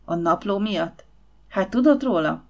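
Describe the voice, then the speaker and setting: A woman's voice: mid-range voice, expressive, gravelly, lo-fi sound. A woman voicing an indignant young Victorian lady. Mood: pointed. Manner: indignant, exclaiming. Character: spirited young Victorian lady, quick-tempered.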